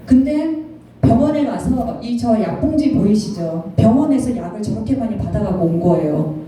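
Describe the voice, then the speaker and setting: A woman around fifty giving an emotional personal testimony to an audience, talking in an animated way and often laughing as she speaks. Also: a little high, moderate pace. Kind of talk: storytelling talk to an audience with slides. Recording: very echoey hall, picked up from a distance, faint noise.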